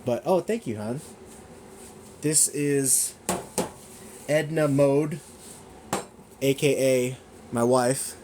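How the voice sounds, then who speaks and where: A man's voice: mid-range voice, extremely slow, pauses often, noisy background. A young man hosting a casual livestream as a reptile breeder, talking enthusiastically and rambling, correcting himself often and sometimes eating as he talks. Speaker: gecko breeder and shop owner hosting a livestream. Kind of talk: casual livestream sales chat.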